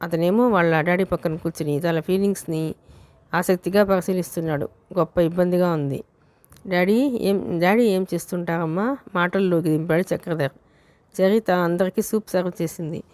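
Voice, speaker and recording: A woman's voice: on the low side, normal speed, darkish tone, no echo. A woman narrating a romance novel audiobook with a Telugu accent, reading steadily and voicing each character's dialogue herself.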